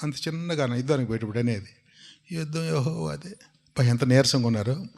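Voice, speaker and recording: A man's voice: medium pitch, racing. A man preaching a sermon, telling a story with animation and calling out questions to his congregation. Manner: animated storytelling, asks the congregation questions and urges them to shout.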